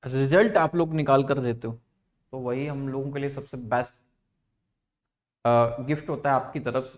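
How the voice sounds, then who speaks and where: Slow-talking male physics teacher. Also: on the high side. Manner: mixes Hindi and English, often asks the class questions. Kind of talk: online class lecture.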